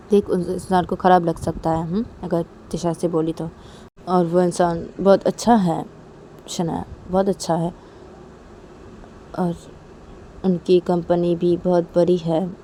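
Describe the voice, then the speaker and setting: A woman voicing a gentle elder sister who soothes her crying younger sister, coaxing and repeating herself. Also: fairly low pitch, little pitch movement, measured pace, pauses often, a little hiss or hum, lightly acted. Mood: soothing.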